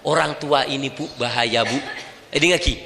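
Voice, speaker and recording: A man with a Madurese accent preaching a lively sermon to a women's gathering. He talks emphatically and keeps asking the crowd rhetorical questions. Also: medium pitch, normal speed, gravelly, slight background noise. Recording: echoey reverberant hall.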